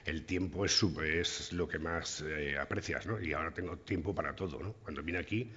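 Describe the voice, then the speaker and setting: Deep husky madrid guy chatting easy, echoey hall, muffled sound. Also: normal speed, pushed and bright. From Madrid, Spain. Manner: easygoing, adds frequent tag questions. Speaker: guest from the audience. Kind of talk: casual conversation.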